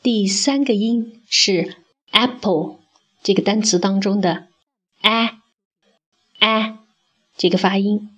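Husky woman teacher going slow, saying sounds out for you to repeat. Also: mid-range voice, highs cut off. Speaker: English pronunciation teacher. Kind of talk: scripted phonics lesson.

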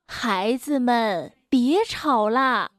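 A woman voicing an old grandmother bear who is kind and worried, speaking slowly, softly and with care. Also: on the high side, lively intonation, no echo, studio quality. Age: older.

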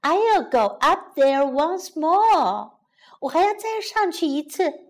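An eager, cheeky young boy from a children's storybook, as a woman narrator puts him on. His voice is high and bouncy, rising and falling with excitement. He speaks slowly and clearly. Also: full character voice. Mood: excited.

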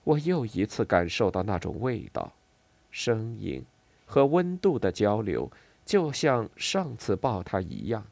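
A man narrating a novel in a measured reading style with expressive, varied intonation. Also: fairly low pitch, vocal fry, dry recording. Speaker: audiobook narrator.

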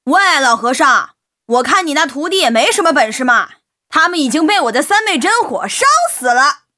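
A woman's voice: high-pitched, expressive, normal speed, pitched above the performer's own voice. A woman voicing a proud, hot-tempered young demon boy who sneers and gloats, in a children's story. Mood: gloating. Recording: loud background music.

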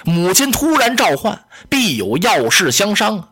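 A man's voice: sits high, a little slow, slightly rough. A male storyteller, narrating a historical tale in a vivid, rhythmic traditional style. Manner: vivid, animated, rhythmic delivery.

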